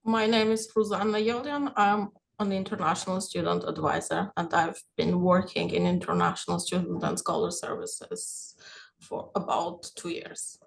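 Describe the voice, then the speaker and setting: Gravelly-voiced woman advisor giving information. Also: on the low side, moderate pace, low-quality recording. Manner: clear, steady, reads out practical details. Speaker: international student advisor. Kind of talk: informational presentation.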